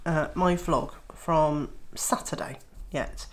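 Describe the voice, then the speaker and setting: A woman from Wales, her voice low, takes it slowly as she vlogs casually to camera about her homestead. She has a cold, sounding nasal and throaty, and her chatty talk is peppered with "uh"s.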